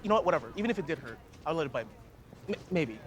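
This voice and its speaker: An eager teen best friend. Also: male voice, fairly high pitch, very fast, a crowd in the background. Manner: excited, rambling, second-guessing himself. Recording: film clip with loud street noise.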